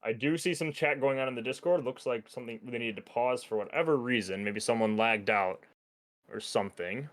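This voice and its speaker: A man's voice: mid-range voice, a little fast. A young man giving play-by-play commentary on an online game tournament, steadily explaining builds and fights as they happen. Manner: steady, explanatory, talks through builds and plays. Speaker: esports commentator.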